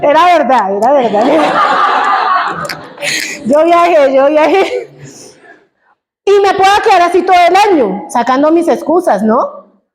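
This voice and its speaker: A woman preaching a sermon in church, animated, putting questions to the congregation. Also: high-pitched, unhurried, long pauses.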